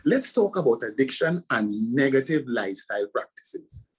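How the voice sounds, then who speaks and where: A man's voice: medium pitch, very animated, normal speed, breathy edge, rough recording. A man from Trinidad and Tobago with a Trinidadian accent, a pastor and author answering interview questions with earnest, preacherly emphasis.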